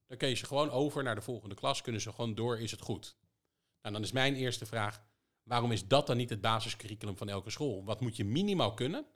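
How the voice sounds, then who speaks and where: A man at medium pitch, representing an education software provider, walks a podcast audience through how his company's system serves schools. The talk is relaxed, and he leans heavily on rhetorical questions for emphasis.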